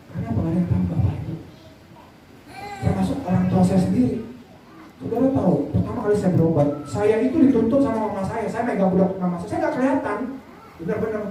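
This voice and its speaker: Indonesian-accented young male preacher, high pitched, mellow tone, emphatic testimony, echoey hall, mic far off. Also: a little hiss or hum. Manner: emphatic testimony, addressing congregation as Bapak Ibu. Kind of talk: sermon. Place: large church hall.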